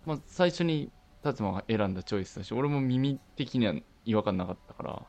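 Gravelly, lively man with a Nagoya accent. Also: mid-range voice, a little fast. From Nagoya, Japan. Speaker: podcast co-host. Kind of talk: casual chat.

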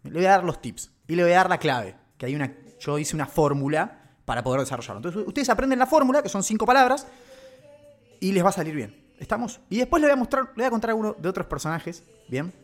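Man, Rioplatense Argentine accent, comedic stream monologue, rambling slangy talk, lively pitch. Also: fast. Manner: rambling, joking, self-interrupting slangy talk. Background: faint background music.

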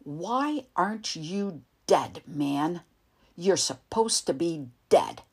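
A woman voicing a jumpy, shouting young gunman. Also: medium pitch, expressive, unhurried, breathy edge. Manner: shouting, nervous, confused. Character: agitated young male gunman, desperate and jumpy.

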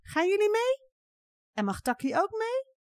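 A kindly storybook mother, calm and sensible, soothing the children, as a woman reads her aloud. Her voice moves through a lively melody at an unhurried pace, recorded close and dry. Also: very high-pitched, no echo, voice pushed up, exaggerated voice.

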